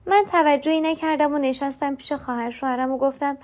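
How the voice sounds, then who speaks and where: High-voiced woman telling a personal story. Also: fairly even intonation, a little mellow. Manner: confiding, voices other characters in dialogue. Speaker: narrator.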